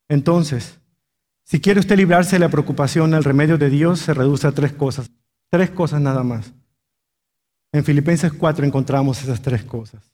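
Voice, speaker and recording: A man's voice: fairly high pitch, warm tone. A male pastor preaching a sermon, emphatic, with rhetorical questions and repeated exhortations.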